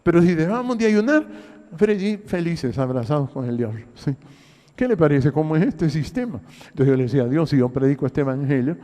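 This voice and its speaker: Older Honduran pastor preaching in a reverberant hall. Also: male voice, fairly high pitch, lively intonation, fairly quick, dark tone. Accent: Honduran Spanish. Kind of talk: sermon.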